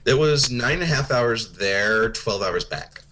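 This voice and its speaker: A man's voice: mid-range voice, animated, unhurried, bright, forceful tone, slight background noise, low-quality recording. A young man co-hosting a podcast, chatting casually about travel, laid-back, swearing and laughing often. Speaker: podcast co-host. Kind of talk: casual chat.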